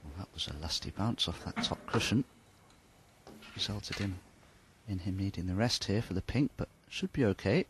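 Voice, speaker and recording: A man giving hushed, measured and understated snooker commentary. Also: deep voice, animated, noisy background.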